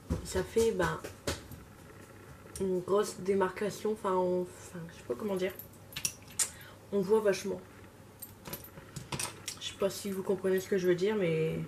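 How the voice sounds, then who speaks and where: Chatty woman doing her makeup on camera. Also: medium pitch. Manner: chatty, self-mocking, talks while working. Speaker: beauty vlogger. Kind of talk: casual makeup tutorial chat. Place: home, at a makeup table. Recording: distant mic with clear room noise.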